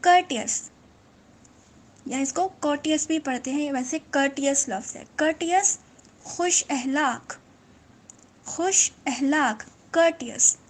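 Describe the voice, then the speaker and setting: A woman teaching English vocabulary, repeating each word slowly and clearly. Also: high voice. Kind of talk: vocabulary lesson.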